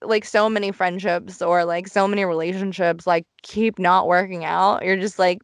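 A woman with a slightly low voice hosts a casual podcast from inside a cluttered closet. The sound is dry and close, with no room echo. She rambles openly and introspectively, confiding as she goes. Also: fairly even intonation, moderate pace. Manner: candid, introspective, rambling oversharer. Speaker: podcast host. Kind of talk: casual confessional podcast chat.

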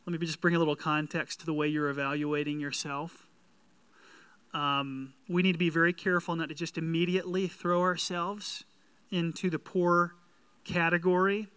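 A man with a Southern US accent preaching a sermon in a deliberate, rhetorical way, with repeated phrases and pauses. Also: on the high side, level tone, a bit bright, clear, resonant tone, no echo. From Southern United States.

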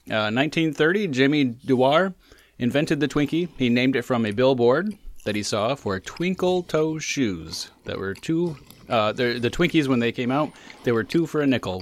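A man's voice: mid-range voice, lively intonation, moderate pace. A man co-hosting a casual food-tasting show, chatting about the taste and sharing trivia between bites. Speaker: co-host.

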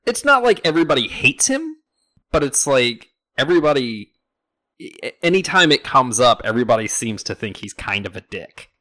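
A man's voice: mid-range voice, big pitch swings, moderate pace, sharp tone, no echo. A man narrating as game master in a tabletop role-playing game, laid-back and conversational.

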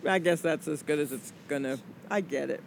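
This woman's low, gravelly voice moves a little fast, with a little hiss or hum in the recording. She's a comedian in her forties from Atlanta, in the American South, appearing as a guest in a casual interview. She rambles and jokes, filling her talk with fillers.

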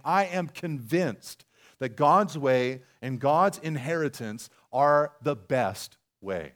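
A male pastor preaching a sermon to his congregation, talking in a conversational way and putting rhetorical questions to them. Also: fairly high pitch. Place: church sanctuary.

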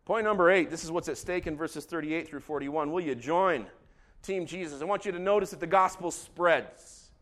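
A high-pitched male preacher delivers a sermon with big dynamic swings. He drops to near-whispers for scripture, then rises into loud, fired-up exhortation peppered with casual slang. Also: normal speed. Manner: dramatic swings from hushed reading to loud, excited exhortation; folksy slang mixed with scripture. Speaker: pastor.

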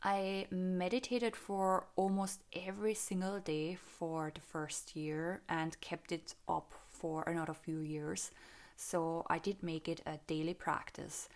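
Reflective woman with a slightly low voice. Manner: reflective, laughs often, asks "right?". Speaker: meditation vlogger sharing her experience. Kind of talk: casual personal storytelling.

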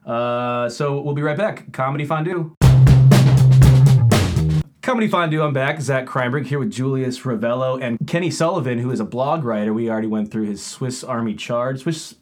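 A man hosting an improv comedy podcast, talking in halting, filler-heavy patter. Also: medium pitch, faint music behind. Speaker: host.

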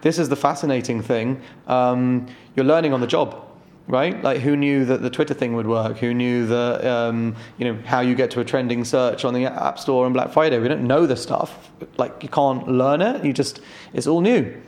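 A man's voice: mid-range voice, normal speed, darkish tone. A man, a startup founder in a casual interview, talking candidly and swearing freely. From London.

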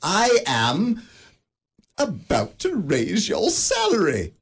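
An actor playing Scrooge, an elderly miser turned giddy and generous, laughing and lively in a radio play. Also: male voice, high-pitched, slow pace, gravelly, breathy edge, exaggerated voice. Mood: joyful. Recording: studio radio drama with faint music.

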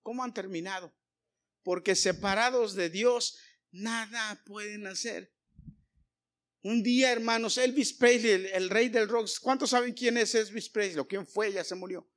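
Male pastor, fairly high voice, emphatic sermon, loud calls and hushed asides, questions to the congregation. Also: unhurried. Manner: addresses congregation directly with rhetorical questions.

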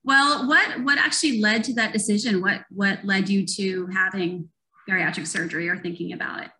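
A woman's voice: medium pitch, moderate pace, bright, forceful tone. A woman hosting a podcast, upbeat and welcoming as she introduces her guest. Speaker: podcast host and personal trainer. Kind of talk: podcast interview.

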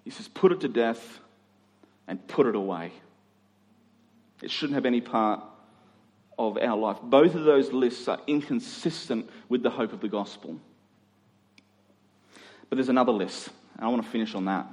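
This Australian preacher from Queensland has a mid-range voice with a darkish tone, talking at normal speed with long pauses. He gives an earnest, conversational sermon to a congregation in a large room, repeating phrases for emphasis. The hall sounds echoey, with long reverb.

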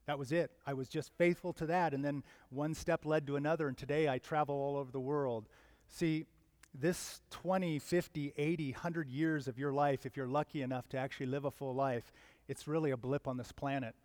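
A man in his fifties preaching a sermon in an earnest, conversational way, with sudden loud emphatic swells. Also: fairly high pitch, fairly even intonation, normal speed, dry recording. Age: 50s. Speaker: pastor.

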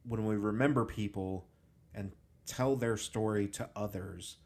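A man's voice: on the low side, fairly even intonation, a little slow, a little mellow. A man hosting a podcast, talking thoughtfully and casually with plenty of fillers. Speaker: podcast host.

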